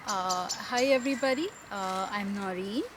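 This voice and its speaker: A woman's voice: mid-range voice, moderate pace. Friendly woman guest, noisy room. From Pakistan. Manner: friendly, with frequent restarts and fillers. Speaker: interview guest. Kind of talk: casual interview. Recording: noisy background.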